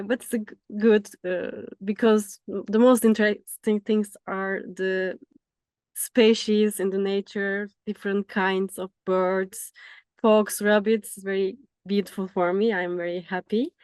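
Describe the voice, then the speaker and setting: Woman speaking english, smooth voice, lots of uhs, super dry sound. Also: medium pitch, steady tone, a little slow, a little mellow, dry recording. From Turkey. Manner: simple phrasing with many "uh" fillers.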